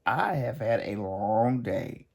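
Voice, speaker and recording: A man's voice: medium pitch, animated, takes it slowly, vocal fry. A man speaking in a tired voice, hosting a motivational monologue on spiritual growth. He talks earnestly and repeats his points with emphasis, speaking directly to the listener. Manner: earnest, repetitive, emphatic encouragement. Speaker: spiritual channel host.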